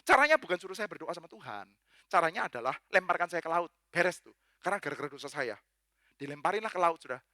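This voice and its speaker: Male pastor, sermon, high voice, quick delivery, close dry sound, playful, acts out voices. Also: no room sound. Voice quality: acts out quoted voices with big pitch jumps. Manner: lively, joking, mixes in English phrases. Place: church.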